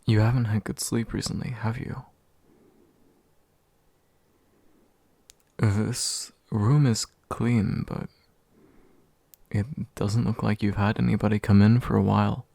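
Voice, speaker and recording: Low, flat and unhurried, with no echo, an ASMR voice actor voices a polite demon whose dark, mellow tone has a gravelly fry. Gentle, hesitant and formally courteous, he takes his time in a soothing roleplay, sounding concerned and tender.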